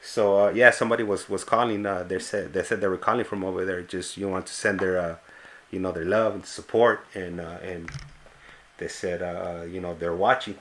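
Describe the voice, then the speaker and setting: A man's voice: low voice, fairly even intonation, normal speed, a bit bright. A man hosting a casual live stream, hesitant and often stammering over repeated words. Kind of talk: casual chat.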